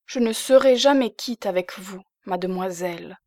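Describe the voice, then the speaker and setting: A woman voicing a meek, melancholy young male artist in exile, in a gentle, plaintive tone. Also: mid-range voice, moderate pace, dry recording, studio quality, natural voice. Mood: earnest. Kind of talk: audiobook character reading.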